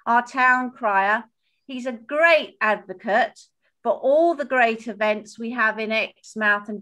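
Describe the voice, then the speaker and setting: A woman's voice: a little high, sharp tone. An older woman giving an informal welcome as host of a meeting. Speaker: host of a members' group meeting. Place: living room indoors. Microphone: webcam, video call.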